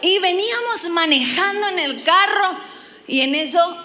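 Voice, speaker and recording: A woman's voice: very high voice, expressive, unhurried, music in the background. A middle-aged woman telling a funny story in a sermon, self-mocking and acting out her own lines. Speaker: preacher.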